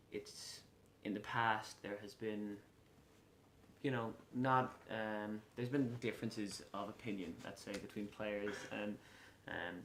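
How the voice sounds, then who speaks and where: A low-voiced young man with a west of Ireland accent, speaking casually as a player being interviewed. He pauses often to find his words. The room is echoey, with faint noise behind him. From Galway, west of Ireland.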